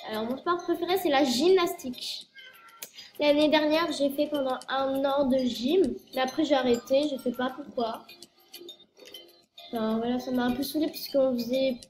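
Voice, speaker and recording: High-voiced stuffy-nosed young teen girl vlogging. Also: moderate pace, a little mellow, faint music behind. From France. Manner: rambling, full of fillers and self-corrections. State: stuffy nose from a cold. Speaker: youtuber. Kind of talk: casual vlog monologue. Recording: echoey room with faint noise.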